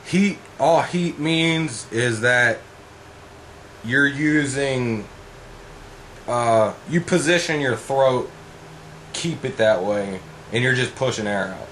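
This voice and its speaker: Slow-talking man giving a rambling tutorial. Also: medium pitch, a bit bright, a little hiss or hum, rough recording. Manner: rambling, blunt, profane. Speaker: vocal coach, metal vocalist. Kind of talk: casual informal tutorial.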